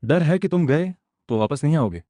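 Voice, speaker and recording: Guy doing a shy lonely little girl, halting and hesitant, dry close sound. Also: a little high, lively intonation, mellow, no room sound, voice pushed up, lightly acted. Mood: timid pleading. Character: timid, lonely young girl, soft-spoken. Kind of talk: recap narration of a comic.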